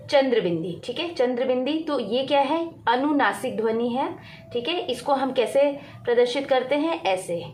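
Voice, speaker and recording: A woman teaching a grammar lesson to children, explaining patiently and checking in often. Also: a little high. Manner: patient, explaining slowly with many "ठीक है" checks.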